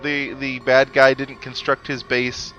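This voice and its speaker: In this poor-quality recording, a medium-pitched man talks at a measured pace with a completely flat yet bright, forceful delivery. As host of a game playthrough series, he offers casual let's play commentary, musing wryly and reading game text out loud over background video game music.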